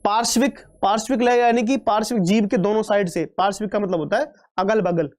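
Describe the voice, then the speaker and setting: A man's voice: high voice, fairly even intonation, fast talker, a little mellow. A man teaching an online exam-prep grammar class, chatty and joking, calling students beta and repeating terms back as questions. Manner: playful and chatty, calls students beta, throws in jokes; repeats terms and quizzes the viewers. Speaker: Hindi teacher.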